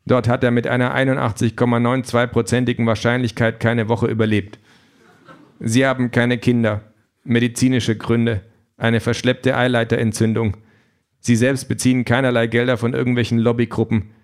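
A man voicing a calm, precise male android politician who explains everything in a measured, matter-of-fact way, in an audiobook. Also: medium pitch, lightly acted. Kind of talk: audiobook reading.

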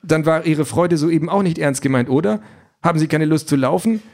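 A man's voice: a little high, brisk, darkish tone, voice pushed up. A man voicing a fussy, overly formal self-driving car that is eager to please. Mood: prim, polite.

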